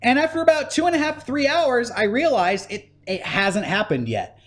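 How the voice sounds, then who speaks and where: A man in casual podcast chat giving a game review, animated and swearing freely. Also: very high voice, moderate pace. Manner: animated, swearing, acts out scenes in mock voices.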